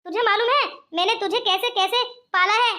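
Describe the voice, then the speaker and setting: Woman doing a high, bright-voiced scheming cartoon granny, coaxing. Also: fairly quick. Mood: scolding. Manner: coaxing, calls others 'beta'. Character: scheming rich old grandmother. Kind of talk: cartoon voice acting.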